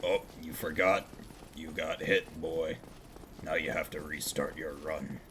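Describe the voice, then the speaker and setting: A man's voice: fairly even intonation, unhurried, fairly bright tone, slight background noise. A man doing a growling stern warrior dad. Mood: gruff scolding. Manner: low growled, clipped orders. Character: gruff stern warrior father, scolding.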